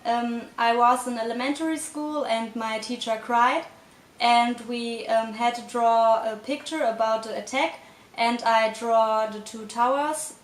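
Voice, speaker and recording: A woman in her twenties with a German accent, recalling a childhood memory in English, softly and hesitantly. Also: on the high side, a little slow. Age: 20s. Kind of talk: personal recollection. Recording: echoey room.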